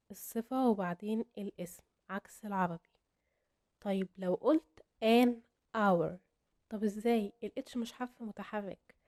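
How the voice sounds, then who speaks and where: Young Egyptian woman, English teacher, mellow higher voice, dry close sound, slow repeated examples. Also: no echo. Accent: Egyptian Arabic. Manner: explains step by step, drills example phrases slowly. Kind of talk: casual Arabic-language grammar lesson.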